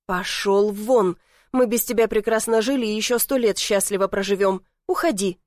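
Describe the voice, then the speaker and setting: A woman's voice: mid-range voice, normal speed, no room sound, clean studio sound, lightly acted. A woman voicing an angry young woman who scolds sharply and shrilly, read as an audiobook character. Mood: scolding.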